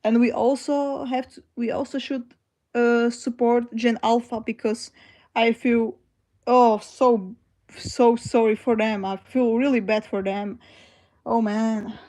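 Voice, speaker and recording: Woman streamer, 20s, from Slovakia; slow, hesitant, mellow, higher-pitched casual chat. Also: level tone, rough recording. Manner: slow, hesitant, many fillers and restarts. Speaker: livestream host. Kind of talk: casual livestream chat reading comments.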